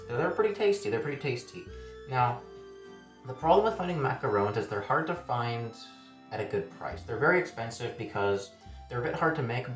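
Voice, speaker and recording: A man's voice: medium pitch, reverberant, recorded from a distance. A man talking casually in a food vlog, chatty and self-deprecating, tasting food as he goes. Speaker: food vlogger.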